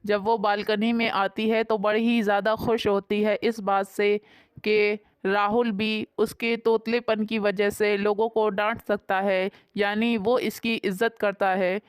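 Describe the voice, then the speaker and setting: A woman narrating a moral story in a plain, even storytelling manner. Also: medium pitch, a little slow, clear, resonant tone, no echo.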